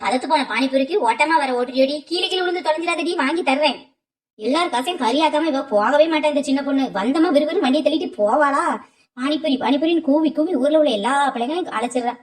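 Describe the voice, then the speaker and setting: A woman's voice: sits high, fast talker, recorded from a distance, lightly acted. A woman voicing a fed-up, scolding mother in a cartoon comedy, nagging her child.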